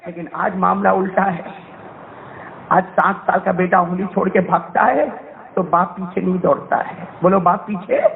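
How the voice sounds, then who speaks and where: High-voiced preacher, fervent, tinny sound. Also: male voice, fairly even intonation, vocal fry. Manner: fervent, repeatedly quizzes the audience. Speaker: Islamic preacher. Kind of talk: emotional sermon storytelling.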